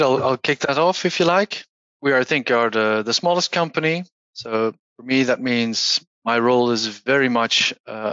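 Male CEO on a panel, bright voice, brisk, dry lo-fi video call audio. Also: mid-range voice, no room sound. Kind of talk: panel discussion. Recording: dry, dull lo-fi sound.

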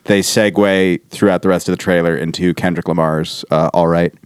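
A man's voice: low voice, steady tone, fairly quick, clean tone, no room sound, clean studio sound. A man co-hosting a podcast in casual chat, rambling and laughing as he talks, with some swearing. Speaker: podcast co-host.

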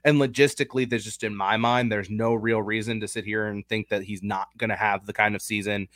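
A young man with a fairly low voice talks through sports betting odds in a casual, analytical way. The sound is dry and close. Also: fairly even intonation, fairly quick, a bit bright, no echo. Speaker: sports betting podcast host.

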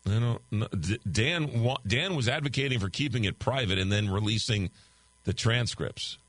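Speaking at a moderate clip with a fairly bright tone, this older man's voice sits on the low side. Behind a studio mic in a radio studio, he hosts a call-in show, casually reading out listener texts and ad copy while his voice gives out.

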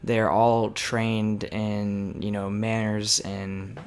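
A man's voice: lowish voice, monotone, extremely slow, smooth. Chatty young man on a podcast. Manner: chatty, says "like" often. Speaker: podcast co-host. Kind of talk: casual history podcast chat.

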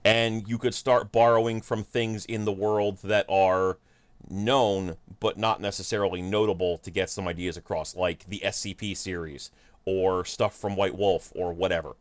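Low-voiced man, blunt casual chat. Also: fairly even intonation, normal speed, no echo. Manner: blunt, offhand, joking. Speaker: podcast co-host.

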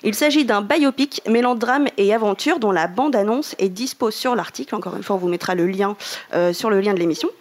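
A woman's voice: mid-range voice, brisk. A woman co-hosting a casual podcast, reading fan news items in a playful way and now and then stumbling over words and apologizing.

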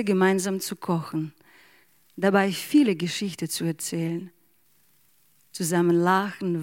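A woman speaks German slowly and softly, hesitating often with fillers. Her voice sounds dry and close, with no room around it. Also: medium pitch, no echo. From Ukraine. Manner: hesitant, many fillers, soft-spoken. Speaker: interview guest. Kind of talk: slow emotional reading and halting answers.

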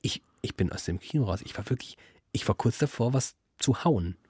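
A man's voice: medium pitch, fairly quick, breathy edge, no room sound, studio quality. A man co-hosting a podcast, ranting in casual chat. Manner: ranting, animated. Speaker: podcast co-host. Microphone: studio mic.

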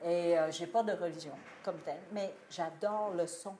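A woman telling a lively anecdote to an audience, laughing often and acting out what people said. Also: lowish voice, moderate pace, a little hiss or hum. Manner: animated storytelling, laughing often, acts out quoted lines. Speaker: guest author telling a story. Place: live talk venue. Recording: roomy live venue, faint ambience.

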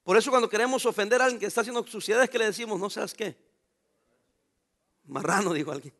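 A man's voice: high voice, quick pace, fairly bright tone. A middle-aged man, a pastor preaching a sermon with emphatic rhetorical questions to his congregation.

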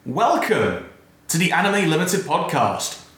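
Man, podcast host, lively intonation, casual presenting style, strong bare-room echo. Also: on the high side, measured pace. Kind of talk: casual scripted podcast hosting. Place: bare office room with desk and chairs.

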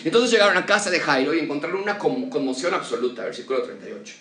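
A man preaching an expository sermon, emphatic and full of rhetorical questions, with a pace that swings from quick to slow. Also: on the high side, expressive, pushed and bright, reverberant, distant mic. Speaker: pastor.

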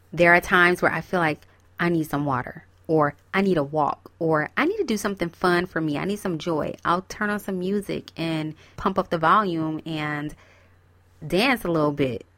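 This is a casual self-help talk from a young female host recovering from a cold, who chats and cheers her listeners on while speaking right to them. Her pitch is fairly low and a bit bright, and the recording is dry.

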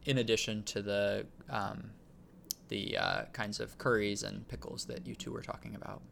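A man with a low, gravelly voice hosts a casual podcast. He explains in a relaxed way, dotted with ums. A faint hiss sits under the recording. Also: moderate pace. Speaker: podcast host. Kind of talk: casual chat.

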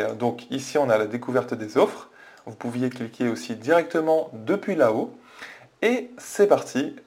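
A man's voice: mid-range voice, darkish tone. A man walking viewers through a sales page on screen, explaining it in a hesitant way, with frequent fillers and restarts. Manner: explanatory, addresses viewers directly. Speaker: online business coach. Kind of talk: screen-share walkthrough commentary.

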